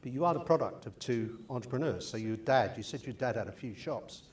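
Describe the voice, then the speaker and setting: A man's voice: medium pitch, expressive, fairly quick, a little hiss or hum. A man hosting an interview, chatty and joking, asking his guest about his family and upbringing. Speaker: host. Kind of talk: casual interview.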